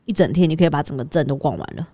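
Lively Taiwanese woman hosting a casual chat. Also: sits low, rapid-fire, husky, dry recording. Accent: Taiwanese Mandarin. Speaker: podcast host. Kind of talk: casual conversational interviewing.

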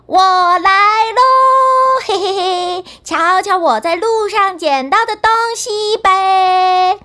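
A carefree young fool from a children's storybook, hollering in a high, bright voice with lively leaps in tone, as a woman storyteller puts him on. He stretches his calls out long and sounds delighted with everything. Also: heavily acted. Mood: gleeful, loud. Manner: shouting gleefully, drawn-out calls. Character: foolish cheerful young man, loud and carefree.

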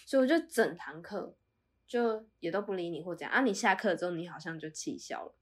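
A woman co-hosting a casual chat podcast, telling a story with lively acted-out quotes. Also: fairly low pitch, fairly quick, breathy edge. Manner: animated storytelling, acts out her own quoted lines. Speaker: podcast co-host.

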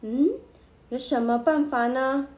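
A woman's voice: sits high, fairly even intonation, a little slow, darkish tone. A woman voicing a male village barber who turns people away in a curt, dismissive manner, in a storybook reading. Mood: wondering.

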